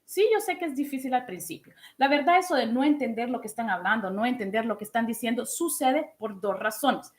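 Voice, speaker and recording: Chatty woman teaching English, fairly high. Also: a little fast, few pauses. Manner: lively, chatty, asks listeners questions. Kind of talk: casual online lesson.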